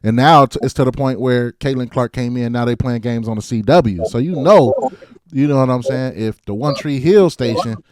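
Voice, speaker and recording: A man's voice: mid-range voice, normal speed, a little mellow, no echo. A man co-hosting a sports podcast in loose, casual talk, often repeating words and asking "you know what I'm saying". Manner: restarts and repeats words mid-thought. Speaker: podcast co-host.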